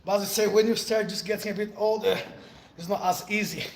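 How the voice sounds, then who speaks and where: A middle-aged man with a Brazilian Portuguese accent chats through a casual workout live stream. His voice sits high, and he keeps ribbing his viewers with playful swearing. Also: fairly even intonation, fast, vocal fry, slight background noise. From southern Brazil. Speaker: livestream host. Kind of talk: casual live-stream chat while working out.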